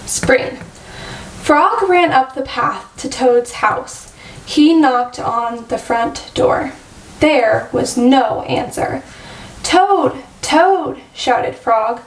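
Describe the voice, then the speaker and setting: A woman teacher reading a children's storybook aloud to her first graders in a slow, clear, gentle way. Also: sits high, slight background noise. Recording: roomy echo, distant mic.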